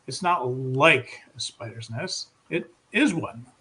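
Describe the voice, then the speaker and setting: A man voicing a whimsical, rascally bearded man who speaks in a teasing, unhurried way. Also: mid-range voice, expressive, bright, forceful tone. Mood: playful.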